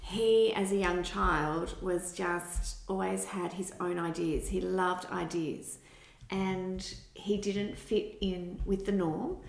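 A woman's voice: lowish voice, steady tone, slow, creaky, roomy sound. A woman co-hosting a podcast in casual chat, reviewing a children's book from her notes. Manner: chatty, reads from notes, reviews children's books. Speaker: podcast co-host.

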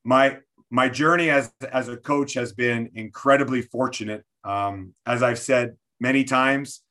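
A man's voice: mid-range voice, fairly even intonation, measured pace, bright, forceful tone. A man in his forties from Quebec City, presenting an online coaching workshop over a video call, with many fillers and restarts. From Quebec City, Canada.

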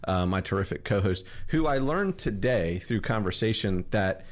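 A man hosts a podcast from his home kitchen and talks in a chatty, rambling way. His voice is fairly low, and he tells his stories loosely. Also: lively intonation, normal speed. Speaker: podcast host. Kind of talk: casual chat.

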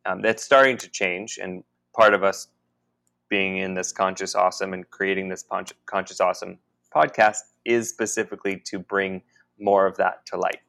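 A man co-hosting a podcast, talking in a halting, musing way with many restarts. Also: sits low, steady tone, vocal fry, a bit bright. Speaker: podcast co-host. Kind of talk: casual spiritual conversation.

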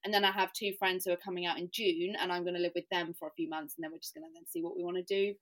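Racing along in a lowish, slightly bright voice, a woman from England chats casually as a podcast guest. She leans on "like" and keeps laughing at herself.

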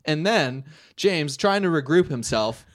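A man's voice: a little high, lively intonation, a little slow, no room sound, clean studio sound. A young man chatting casually as a podcast host, retelling a funny moment with frequent laughter and lots of "like" and "dude". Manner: laughing storyteller, says "like" and "dude" a lot. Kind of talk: casual chat.

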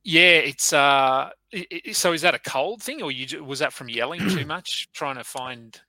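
A man's voice: a little high, moderate pace, sharp tone, no room sound, poor audio. A man hosting a casual podcast, chatty and loose with plenty of fillers and restarts. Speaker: podcast host.

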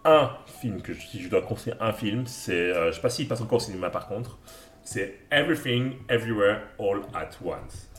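A man's voice: on the low side, expressive, normal speed, echoey room, a little hiss or hum. A man co-hosting a casual chat, recommending songs and films with enthusiasm, rambling through lots of fillers and restarts. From Belgium. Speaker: podcast co-host.

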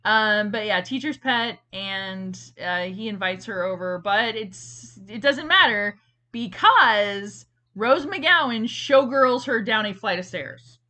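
A woman's voice: mid-range voice, takes it slowly. A woman co-hosting a podcast, reviewing a movie in casual, jokey chat and acting out characters' lines. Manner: animated, jokey, acts out characters in quoted voices. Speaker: podcast co-host.

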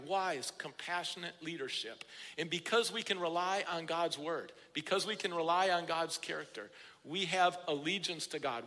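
A man with a high, bright, ringing voice preaching to his congregation in a church sanctuary. He builds to emphatic declarations, and his words trail off into a long hall reverb. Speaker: pastor. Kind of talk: sermon.

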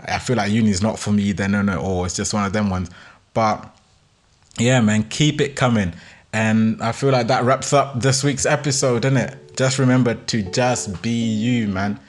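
Casting: male podcast host, twenties, London roadman accent, fairly low voice, informal slang-heavy encouragement straight to listeners. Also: steady tone, normal speed. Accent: London, urban roadman slang style. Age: 20s. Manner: street-slang talk with constant "innit" tags. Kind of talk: casual motivational monologue to listeners.

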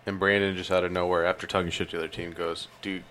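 A man's voice: low-pitched, level tone, rapid-fire, fairly bright tone, a little hiss or hum. A man on a casual podcast, telling stories in a dry, offhand way. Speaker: podcast co-host. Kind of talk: casual chat.

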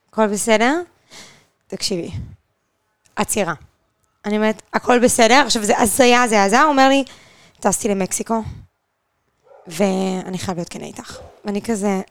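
Animated young woman telling a story. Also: fairly high pitch, no room sound. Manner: animated storyteller, quotes herself and others in dramatic voices. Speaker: podcast co-host. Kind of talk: casual chat, storytelling.

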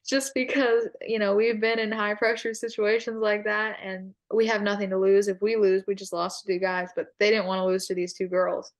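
A woman's voice: mid-range voice, flat delivery, moderate pace, few pauses. Teen girl guest, upbeat and giggly, casual storyteller, mid-range voice. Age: teens. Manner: bubbly storyteller, laughs often. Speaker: guest athlete. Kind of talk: casual interview chat.

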